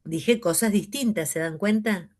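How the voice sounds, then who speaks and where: A woman teacher with a Rioplatense Spanish accent, lecturing a class and leaning on pauses and stress to explain. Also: mid-range voice, a little mellow.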